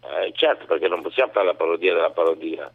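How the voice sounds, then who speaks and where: A sick, feverish man calling into a radio show as a comedian guest, answering slowly in short phrases with a chuckle now and then. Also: expressive, vocal fry, husky, no echo. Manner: slow, low-energy, short replies with chuckles. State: feverish, unwell. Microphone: phone line. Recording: tinny phone line.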